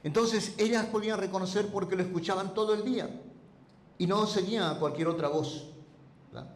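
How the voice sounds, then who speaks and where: A man's voice: high-pitched, fairly quick, reverberant. A male pastor preaching a sermon in a conversational way, often asking his listeners to confirm with rhetorical questions. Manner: voice teacher, careful about vocal timbre. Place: church hall.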